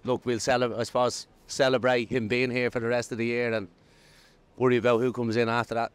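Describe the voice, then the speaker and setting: A man's voice: medium pitch, flat delivery, a little fast, no echo. A man in his fifties talking in a street interview outside a shop. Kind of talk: street vox pop interview. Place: outdoors at a shop entrance. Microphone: handheld interviewer's microphone. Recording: clear street traffic noise behind.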